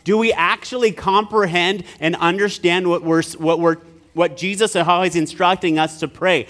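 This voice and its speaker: A man preaching a sermon in short phrases, pausing so an interpreter can follow. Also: high-pitched, fairly even intonation, fairly bright tone. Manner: slow, earnest preaching with pauses between phrases. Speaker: pastor.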